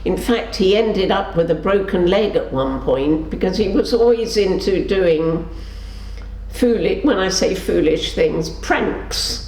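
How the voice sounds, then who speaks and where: A slightly slow older woman with a darkish tone recounts memories in an oral history interview, voicing the people she describes. Quotes are acted out with pitch shifts in her storytelling. There's faint background noise and a roomy quality to the recording.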